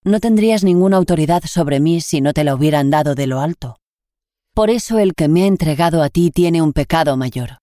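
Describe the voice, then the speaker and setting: A reader with a Spain Spanish accent voicing a calm condemned man who speaks solemnly. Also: mid-range voice, brisk, no room sound, clean studio sound, natural voice.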